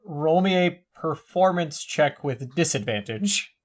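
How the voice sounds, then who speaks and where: A man's voice: on the high side, animated, measured pace. A man acting as game master, calling for dice rolls and describing what happens in the scene. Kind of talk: narrating a tabletop game.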